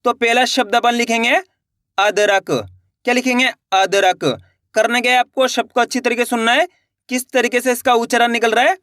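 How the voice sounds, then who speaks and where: High, smooth male Hindi writing teacher. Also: level tone, fairly bright tone, no room sound, clean studio sound. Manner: slow call-and-response drilling, repeats each word; addresses viewers as friends. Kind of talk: children's Hindi writing lesson.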